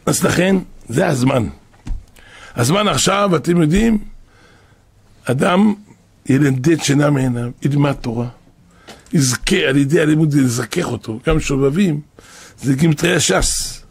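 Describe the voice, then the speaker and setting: Brief: man preacher, raspy and gravelly, storytelling sermon. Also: on the high side, long pauses. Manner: acts out the voices in his stories.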